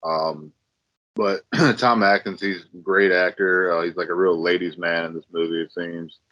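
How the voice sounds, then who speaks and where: A man's voice: low voice, fairly even intonation, normal speed, no room sound. A laid-back man co-hosting a podcast, chatting casually about a film with lots of fillers. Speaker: podcast co-host. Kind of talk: casual movie chat. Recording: dull, dry sound.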